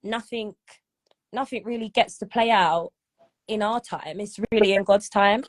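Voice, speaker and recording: Speaking at a measured pace with a medium-pitched voice, a thirty-something female singer chats loosely as an interview guest. She often asks "do you know what I mean?"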